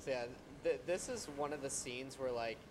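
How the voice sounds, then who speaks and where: A speedrunner chatting casually about the game, laid-back with frequent laughs. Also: male voice, mid-range voice, moderate pace, darkish tone.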